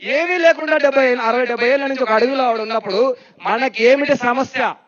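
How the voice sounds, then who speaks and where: A man giving a spiritual discourse on meditation, lively and questioning, who repeats phrases for emphasis. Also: very high-pitched, a little fast. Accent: Telugu. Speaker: spiritual speaker. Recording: dull lo-fi sound.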